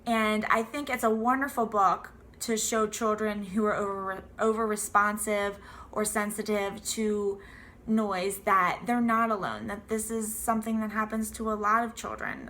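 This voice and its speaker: Woman in her 30s, book reviewer and host, clear bright tone, earnest and explanatory. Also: mid-range voice, fairly even intonation, normal speed, slight background noise. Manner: earnest, explanatory, occasional ums. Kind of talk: prepared book review to camera.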